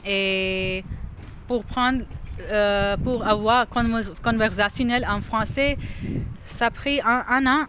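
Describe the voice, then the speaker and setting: A young Pakistani woman whose first language is Urdu speaks as a guest in a casual interview on a city street outdoors. Her voice is a little high and fairly bright, and she sounds hesitant and halting, searching for words with many restarts. There's slight background noise.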